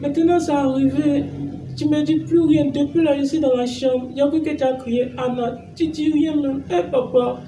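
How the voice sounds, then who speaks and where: A woman's voice: high voice, steady tone, normal speed, echoey room, distant mic, background noise, lightly acted. A young woman in a comedy sketch playing a daughter who pleads with and complains to her father. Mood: pleading.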